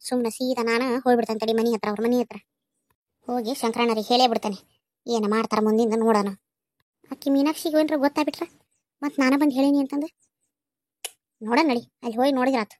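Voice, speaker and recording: A woman's voice: a little high, steady tone, fast talker, long pauses, darkish tone, no echo, natural voice. A woman with a North Karnataka Kannada accent voicing a scheming, resentful woman of a household who grumbles bitterly in a cartoon. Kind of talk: cartoon voice acting.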